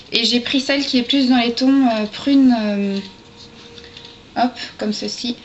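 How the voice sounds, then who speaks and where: A fairly high-voiced woman chats casually to her camera, hesitating often and filling gaps with small asides as she picks things up. The sound is dull and lo-fi, like a built-in camera mic, with a clear hiss underneath. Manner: chatty, hesitant, with many fillers and little asides while handling products. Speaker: beauty vlogger. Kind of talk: casual haul chat to camera.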